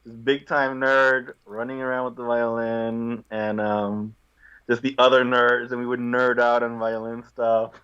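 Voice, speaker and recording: A man's voice: mid-range voice, flat delivery, a little slow, fairly bright tone, smooth, dull audio. A young man from Guatemala, a musician guest on a video call, talking easily and laughing at himself. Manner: easygoing, laughs often, self-deprecating. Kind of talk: casual interview.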